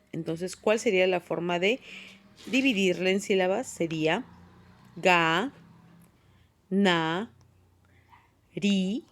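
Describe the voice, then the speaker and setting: A woman teaching a grammar lesson, explaining patiently step by step and checking in with short tag questions. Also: fairly low pitch. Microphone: phone voice recorder.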